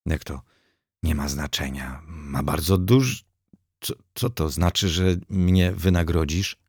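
A man's voice: very deep voice, slow, darkish tone, slightly rough, no room sound, clean studio sound, full character voice. A man voicing a nervous, irritable young woman working as a hotel maid, talking in a flustered, anxious way.

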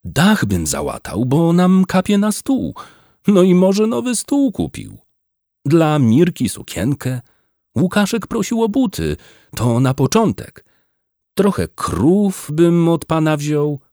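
A man voicing a poor, timid village man who pleads and cries in a high whine. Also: wildly swooping pitch, slow, mellow, no echo, studio quality, full character voice. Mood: pleading. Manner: high whining voice, pleading and sobbing.

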